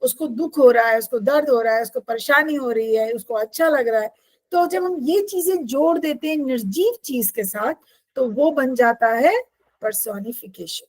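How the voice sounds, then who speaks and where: A woman's voice: high voice, expressive, moderate pace, darkish tone, no room sound, rough recording. A woman teacher explaining poetry devices to a class, patiently checking in with her students.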